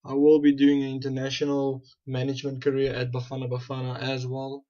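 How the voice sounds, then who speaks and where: The delivery is completely flat, brisk and dark, mid-range in pitch, and the recording is muffled. It's a young South African gaming channel host talking casually through his football management game, thinking out loud and often stopping to correct himself.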